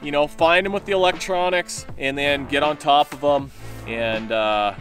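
Relaxed man chatting while fishing. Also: on the high side, moderate pace, faint music behind. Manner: relaxed, chatty, lots of fillers and restarts. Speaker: fishing guide and angler. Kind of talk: casual fishing commentary. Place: small boat on a lake, outdoors.

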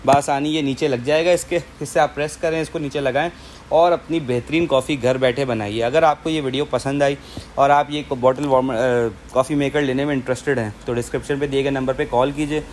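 A man in his thirties from Pakistan demonstrates a product with a chatty sales pitch, sprinkling in English phrases. His voice sits at an ordinary mid pitch. A faint hum of showroom ambience runs underneath. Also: steady tone, a little fast. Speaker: appliance shop presenter. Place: large indoor appliance showroom.

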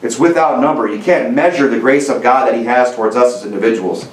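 A man's voice: mid-range voice, fast. A man in his thirties preaching a sermon at a lectern, earnest and conversational, with many restarts and "you know"s. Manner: stands at a lectern gesturing with both hands. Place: church sanctuary, indoors, medium room. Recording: roomy church audio from a distance.

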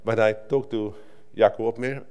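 A man's voice: fairly low pitch, fairly even intonation, moderate pace, a little mellow, smooth. Middle-aged man, from the Netherlands, native Dutch, conference speaker, lectern microphone, conversational with restarts. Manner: conversational, with frequent restarts and filler "right?". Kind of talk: conference talk. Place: conference hall stage at a lectern.

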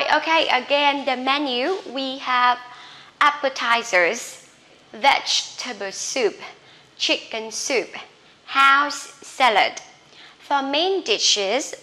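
A woman with a Vietnamese accent teaching English restaurant phrases, drilling words slowly between chatty asides. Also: fairly high pitch, pushed and bright. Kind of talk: bilingual vocabulary lesson.

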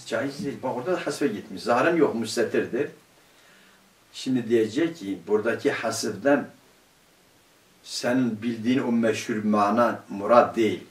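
A man teaching a grammar class, firing questions at his students and then answering them himself. He reads quoted classical phrases slowly, word by word. He is recorded from a distance in a roomy classroom with a clear echo. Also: mid-range voice. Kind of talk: grammar lesson. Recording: roomy, distant room mic.

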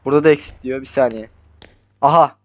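A young man commentating his horror game playthrough, talking nervously to the monster and swinging between hushed mutters and startled yells. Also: medium pitch, fast, dull audio. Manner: jumpy, talks to the monster, swings from hushed to yelling. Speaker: gaming YouTuber.

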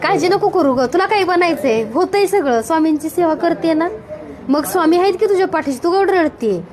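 Very high-voiced woman coaxing a visitor. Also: lively intonation, fairly quick. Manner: teasing, coaxing and reassuring, repeats questions. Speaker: video creator meeting viewers. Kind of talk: casual chat with visitors. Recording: crowd chatter behind the voice.

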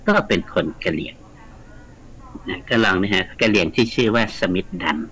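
A man's voice: lowish voice, moderate pace, fairly bright tone, breathy edge, poor audio. A man, a guest scholar, explaining at length in a radio studio interview, chatty and lecturing, with frequent polite particles. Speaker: guest scholar of the Mekong region.

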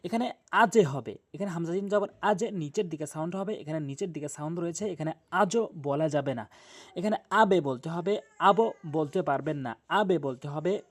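A man from Bangladesh teaching Quran pronunciation, patiently repeating syllables slowly and drilling each sound. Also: on the high side. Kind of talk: spoken tajweed lesson.

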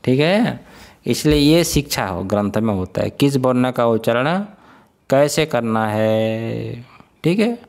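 A man's voice: mid-range voice, gravelly. Hindi-speaking male teacher quizzing his class. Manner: questioning, quizzes the listeners often; chuckles often, drills pronunciation slowly. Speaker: Vedanta teacher. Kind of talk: scripture class lecture.

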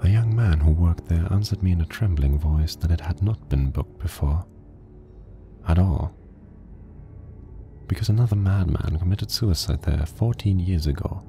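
A man voicing a weary, grim private detective who narrates a horror game in a slow, flat storytelling manner. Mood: brooding. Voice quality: very deep, gravelly. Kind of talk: scripted noir narration. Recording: game audio under loud music. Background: game music.

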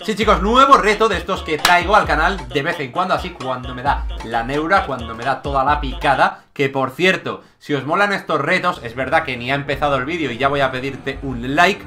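Excitable young gaming commentator. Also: male voice, medium pitch, faint music behind. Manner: excitable, jokey, rapid shifts between shouts and mutters. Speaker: gaming YouTuber. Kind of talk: energetic gameplay commentary.

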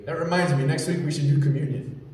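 Fervent preacher in an echoing hall. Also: male voice, a little high, fairly even intonation, fast talker. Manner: fervent, rising to shouts at climaxes. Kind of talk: sermon. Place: large church hall, indoors. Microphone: handheld mic. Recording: echoey hall, from far off.

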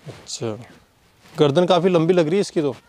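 A man's voice: on the high side, lively intonation, moderate pace, a little mellow. A man hosting a casual interview, asking questions, repeating the answers back and humming in agreement. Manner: inquisitive, repeats answers back, frequent hums of assent. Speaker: host interviewing a horse owner.

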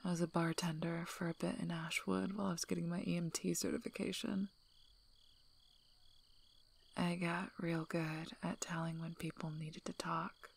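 In an ASMR role-play, a woman plays a guarded female werewolf alpha, speaking softly in a lowish, husky half-whisper with heavy vocal fry. Her delivery is dry, flat, unhurried and wryly protective, with a low mood that gradually softens.

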